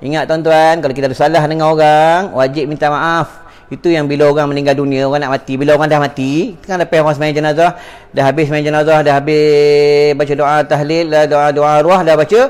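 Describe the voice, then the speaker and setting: Giving a sermon in a Malaysian Malay accent, this man sounds preachy, repeats phrases, and addresses his listeners as "tuan-tuan." He talks fast in a clear, resonant voice of fairly high pitch that barely moves in pitch.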